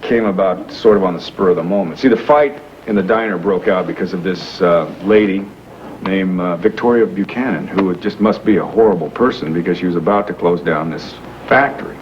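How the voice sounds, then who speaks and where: An actor playing a wealthy young man who has posed as a factory worker, explaining himself earnestly with halting fillers, in 1980s daytime soap acting heard from a worn VHS tape copy. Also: low-pitched. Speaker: businessman explaining a masquerade. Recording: muffled hissy worn videotape of a TV broadcast.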